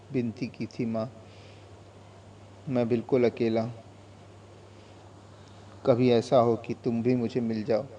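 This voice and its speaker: An earnest, pleading lonely man with a Bengali accent, as a male storyteller voices him, speaking slowly in a mellow, darkish tone. His voice sits a little higher than the teller's own. The recording is slightly dull. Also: slight background noise, lightly acted.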